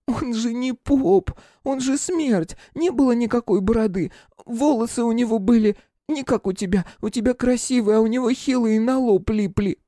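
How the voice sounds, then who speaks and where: A man reading an audiobook, voicing a frightened, simple-minded young village woman in a high, pleading voice. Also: moderate pace, warm tone, no room sound, studio quality. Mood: agitated.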